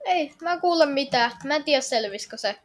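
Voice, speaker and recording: Playing an online game alongside others, an excitable woman with a high-pitched voice bursts into excited shouts during casual gameplay chatter. She repeats short phrases and exclamations again and again.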